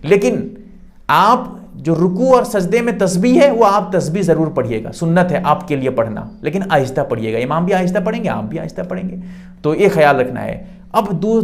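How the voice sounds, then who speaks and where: Male religious teacher, slightly high voice, patient step-by-step explainer with emphatic rises. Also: gravelly. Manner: explanatory, repeats points, rises in pitch for emphasis. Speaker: Islamic teacher. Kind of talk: religious instruction.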